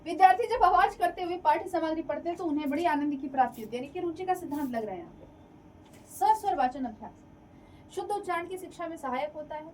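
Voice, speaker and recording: High-voiced woman teaching a lively lecture. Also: fast talker, far from the mic, slight background noise, low-quality recording. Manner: lively, repeats and checks for understanding. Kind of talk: exam-prep lecture.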